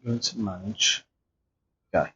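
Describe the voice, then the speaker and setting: A man's voice: lowish voice, unhurried, bright, forceful tone, breathy edge, muffled recording. A man chatting casually and rambling through live flight sim commentary, often restarting his sentences. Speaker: streamer.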